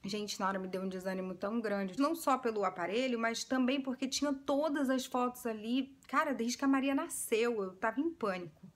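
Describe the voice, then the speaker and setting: A woman's voice: fairly high pitch, a little fast, few pauses. A woman in her thirties with a Brazilian Portuguese accent, earnestly retelling a personal story to her viewers as a vlogger. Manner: earnest, animated retelling, addresses viewers directly.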